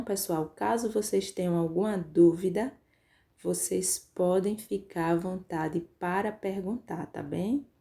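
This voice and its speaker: A woman's voice: mid-range voice, creaky, dark tone. A woman teacher with a Brazilian Portuguese accent giving an online grammar lesson to young pupils, patiently spelling out syllables. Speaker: primary school teacher.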